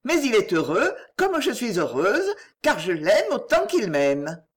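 A woman voicing an earnest, loving fifteen-year-old girl in a read-aloud novel, her pitch lifted and pleading. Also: huge pitch swings, a little slow, breathy edge, full character voice.

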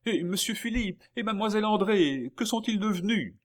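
A frantic young serving woman in a storybook, her voice pitched high and loud with alarm, as a man reading aloud puts her on. She cries out rather than speaks. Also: lively intonation, brisk, close to an everyday voice. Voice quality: high, cried out. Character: frantic young female servant, shrill.

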